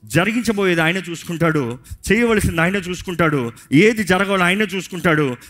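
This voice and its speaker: A man's voice: high voice, animated, fairly quick, fairly bright tone, soft background music. A male pastor preaching in a sermon, repeating phrases and acting out pleading quotes, switching into English now and then. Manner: preaching with dramatic voiced quotes and repetition.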